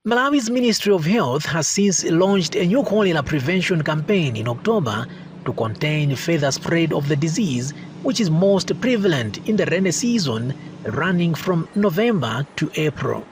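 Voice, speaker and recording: Lively male news reporter. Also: on the high side, normal speed, background noise. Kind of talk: scripted news narration.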